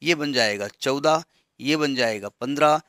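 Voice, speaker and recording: A man's voice: mid-range voice, unhurried, fairly bright tone, clean tone, no room sound, studio quality. A man teaching a maths lesson, counting steadily through question numbers and checking that his students follow. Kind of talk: classroom lesson explaining textbook changes.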